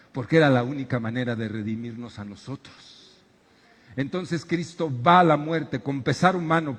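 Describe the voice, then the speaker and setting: A middle-aged man preaching a sermon as pastor, animated and at times shouting dramatic quotes. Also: mid-range voice, breathy edge, big-room sound. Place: church auditorium.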